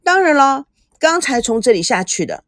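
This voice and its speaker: A woman's voice: high voice, sing-song, normal speed, no room sound, studio quality, pitched above the performer's own voice. A woman doing a sulky, coquettish young woman.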